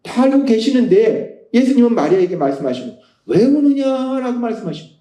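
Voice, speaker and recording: A man's voice: high voice, big pitch swings, fast, dark tone, reverberant, rough recording. A male pastor delivering a sermon, repeating key phrases and asking rhetorical questions with emphasis.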